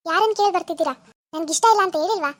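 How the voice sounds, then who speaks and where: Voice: very high-pitched, rapid-fire. A woman playing a hurt young village woman who bitterly turns down her deceiving lover on a phone call. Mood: reproachful. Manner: reproachful, refusing, bitter. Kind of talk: amateur phone-call drama.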